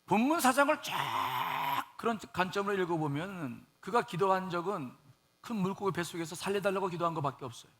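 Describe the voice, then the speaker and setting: A man preaches a sermon in a bright, forceful voice that sits high for a man. He pitches questions at the congregation, drops to soft asides and then climbs into raised exclamations. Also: lively intonation, a little fast. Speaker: pastor.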